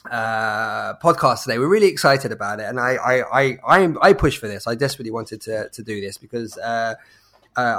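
A man's voice: medium pitch, a bit bright. Chatty male podcast host, laughs often. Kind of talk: casual podcast chat. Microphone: video call.

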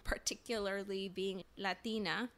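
A woman podcast co-host telling a personal story in casual conversation, full of "like" fillers and quick laughs. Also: medium pitch, steady tone, fairly bright tone. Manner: chatty, many "like" fillers, laughs between phrases.

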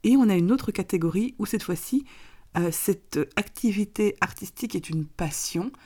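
A woman with a hoarse, raspy voice, getting over an illness, explaining practical advice step by step in a vlog. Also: medium pitch, animated, normal speed, dark tone. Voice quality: raspy, gravelly voice. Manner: didactic, step-by-step explaining with examples. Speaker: minimalism coach and author, presenter.

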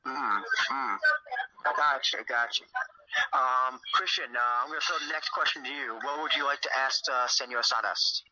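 A man hosting an interview, brisk, with frequent ums and quick acknowledgments. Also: medium pitch, pushed and bright, highs cut off. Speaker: host.

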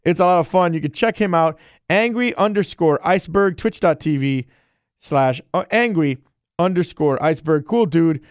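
This podcast host and streamer chats on his own show in a friendly, meandering way at normal speed. His somewhat high voice is smooth and resonant, captured in a close, dry recording without any room sound.

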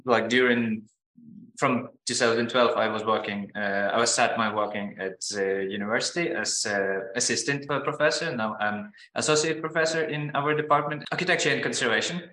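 A man in his thirties with a Ukrainian accent, an academic guest speaking haltingly with fillers over a video call. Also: mid-range voice, bright, forceful tone. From Western Ukraine. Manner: halting, with fillers and little laughs. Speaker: associate professor, guest. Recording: echoey room.

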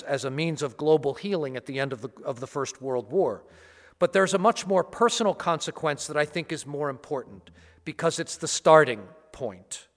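Male priest, somewhat higher-pitched, solemn homily and scripture delivery, heard with long cathedral-style reverberation. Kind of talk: liturgical reading and homily. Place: large reverberant church during Mass.

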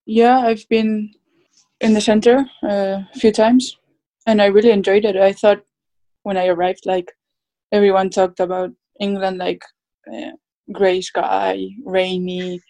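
Being interviewed, a woman footballer from Spain's Basque Country replies casually in English, her Basque Spanish accent noticeable. She keeps a level tone and measured pace in a dark, mid-range voice.

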